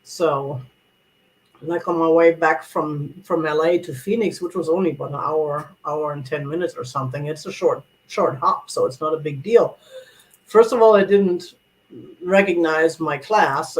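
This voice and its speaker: Man, higher-pitched voice, rambling travel chat, casual vlog. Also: poor audio. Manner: chatty, many restarts and asides. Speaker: vlogger.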